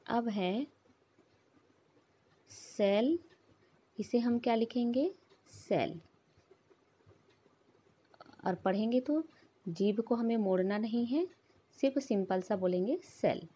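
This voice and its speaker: A woman's voice: a little high, takes it slowly, long pauses, mellow, breathy edge. A woman teaching an English pronunciation lesson to children, patiently explaining with repeated examples.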